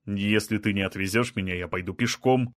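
A male reader voicing a calm, blunt man from another kind of people, level and matter-of-fact even about killing. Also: lowish voice, fairly quick, no room sound, clean studio sound, natural voice. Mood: cold resolve.

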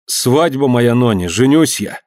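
A man's voice: lively intonation, a little slow, a little mellow, close to an everyday voice. A desperate young son begging, as a male narrator voices him. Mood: timid. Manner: high, strained pleading.

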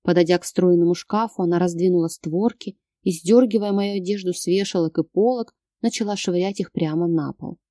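A woman narrating a first-person novel in a steady storytelling voice. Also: lowish voice, fairly quick, few pauses, no room sound, clean studio sound. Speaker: audiobook narrator.

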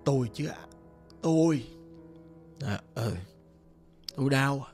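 A woman voicing the ghost of a dead man speaking through a shaman, groaning and muttering low in a ghost story. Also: slow, darkish tone, faint music behind, heavily acted. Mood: bitter.

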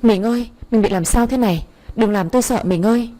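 Woman voices a scared middle-aged wife, urgent and mellow. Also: on the high side, a little fast, natural voice. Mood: alarmed.

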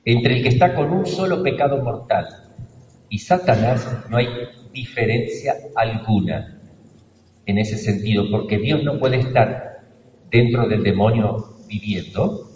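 A priest from Argentina giving a sermon, preaching emphatically with sudden loud stresses and hushed asides. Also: male voice, medium pitch, measured pace. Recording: distant roomy church recording, dull sound, faint noise.

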